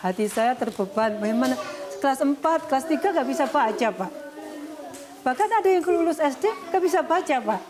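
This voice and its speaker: In an interview from a remote rural area, a woman missionary who cares for schoolchildren gives an emotional personal testimony. Her voice sits high and is animated at a moderate pace, and she speaks earnestly, often adding a polite "sir" to her sentences.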